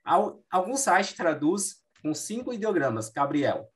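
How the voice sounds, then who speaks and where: A man's voice: sits high, sing-song, unhurried. Male teacher, patient. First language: Mandarin Chinese. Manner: explanatory, frequent "né" tags, self-corrections. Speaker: Mandarin teacher. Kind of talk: classroom explanation.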